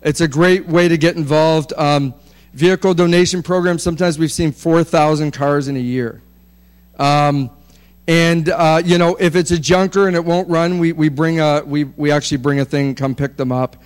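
A man's voice: fairly high pitch, fairly even intonation, moderate pace, clean tone. A man presenting a ministry's work from slides to a congregation, joking and using many fillers. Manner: joking, filler-heavy, chatty.

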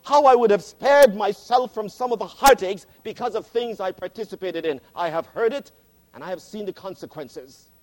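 A man's voice: high voice, normal speed, darkish tone. A man in his fifties preaching a sermon, earnest and emphatic, repeating key phrases for stress. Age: 50s.

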